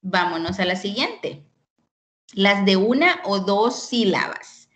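Woman tutor on a video call, slow and patient, keeps asking ok?, middle pitch. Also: very animated, fairly bright tone. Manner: slow, patient explaining with frequent "¿ok?" checks. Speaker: English teacher. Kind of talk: online English lesson taught in Spanish. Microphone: computer mic on a video call.

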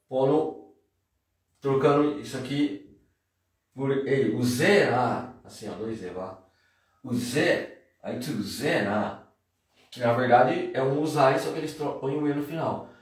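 A man's voice: medium pitch, animated, measured pace. Man, Japanese teacher, casual live-stream lesson, chatty and slangy, very echoey room, distant mic. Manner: chatty, slangy, jokey explanations.

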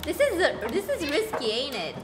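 A woman's voice: sits high, huge pitch swings, normal speed, a little hiss or hum. A woman streaming a game live, chatting casually and giggling with her viewers.

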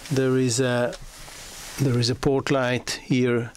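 Noisy outdoor camera audio records a yacht broker's slow walkthrough of a sailboat moored in a marina, both on deck and below. The man speaks at a medium pitch with a flat delivery, hesitating often, leaning on fillers, and repeatedly restarting what he says as he films.

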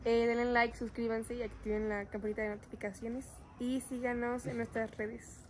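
A young woman hosting a casual vlog with friends, wrapping up with a quick, lively sign-off. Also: a little high. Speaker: vlog host. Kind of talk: casual group chat.

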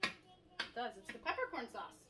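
A woman's voice: a little high, big pitch swings, a little slow, heavy background noise. A woman in her thirties hosting a casual home cooking show, chatty and upbeat as she walks through each step in her kitchen. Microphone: camera across the kitchen counter. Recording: echoey kitchen from a distance.

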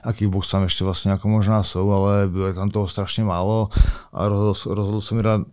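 A man's voice: lowish voice, flat delivery, darkish tone, no room sound, clean studio sound. A man in his thirties from Czechia, a fighter answering interview questions casually, often stumbling and repeating his words. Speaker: MMA fighter, guest.

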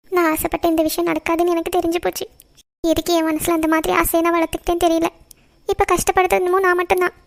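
A woman voicing a heartbroken, proud young woman in a cartoon, speaking quickly and sharply. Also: high-pitched, close to an everyday voice. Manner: quick, sharp delivery that turns tearful and defiant. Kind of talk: cartoon voice acting.

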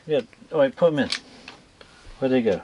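A man's voice: mid-range voice, lively intonation, normal speed, lo-fi sound. A man hosting a toy unboxing at a table indoors, bossy and teasing as he chats. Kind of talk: casual unboxing chat. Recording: noisy home camera recording.

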